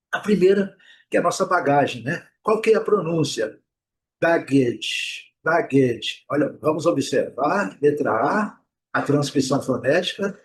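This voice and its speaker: A middle-aged man from Brazil gives an online English pronunciation lesson. His voice sits a little high for a man. He speaks patiently and says each word slowly, several times over. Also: darkish tone. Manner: patient, repeats words slowly for practice.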